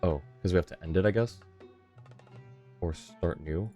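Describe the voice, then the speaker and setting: Deep and dark in tone, the man's voice moves at a moderate pace. Somewhat tired, he streams games live and talks casually and politely with viewers, while faint game music sounds in the background.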